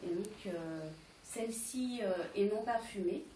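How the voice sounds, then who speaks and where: A woman's voice: mid-range voice, measured pace, mellow. Woman doing a candle sales demo at a home party, lots of ums, sounds far off in a roomy space with faint noise. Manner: chatty, explains step by step with many hesitations. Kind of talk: product demonstration to guests. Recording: echoey room, distant mic, faint noise.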